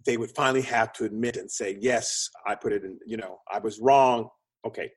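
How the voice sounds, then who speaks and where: The guest here, a film producer and script consultant, speaks briskly in a lowish voice with a breathy edge. In a conversational style, he explains ideas like a storyteller and performs the quotes he cites.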